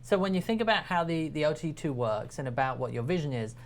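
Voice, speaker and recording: A man's voice: a little high, animated, fast talker, a little hiss or hum. A man hosting a live web show, upbeat but stumbling over his words as he announces news and introduces guests. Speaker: host.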